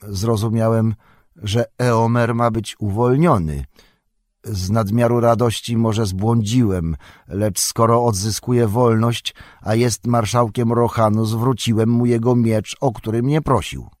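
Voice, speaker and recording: A man's voice: lowish voice, fairly even intonation, a little slow, darkish tone, no echo, clean studio sound, close to an everyday voice. A trembling palace guard, read by a man. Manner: trembling, apologetic. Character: nervous male guard of the king.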